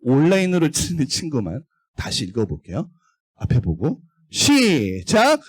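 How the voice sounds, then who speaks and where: A man's voice: fairly high pitch, wildly swooping pitch, moderate pace, breathy edge, dry recording. A man giving a children's sermon at a church service, asking the young listeners questions and leading them to read along. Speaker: children's pastor.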